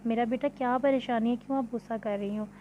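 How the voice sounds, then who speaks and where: A woman's voice: a little high, fairly even intonation, quick pace, highs cut off, a little hiss or hum, close to an everyday voice. A woman doing a doting, indulgent rich father. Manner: indulgent, soothing. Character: doting wealthy middle-aged father.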